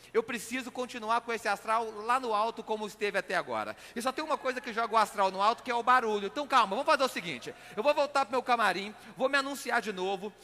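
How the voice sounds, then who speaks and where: A man's voice: high-pitched, bright, forceful tone. A man with a Brazilian accent from Minas Gerais giving comic stage talk as a conversational showman who repeats words for emphasis. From Belo Horizonte, Brazil. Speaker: magician, comedian and motivational speaker. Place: on stage in a hall. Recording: reverberant hall sound.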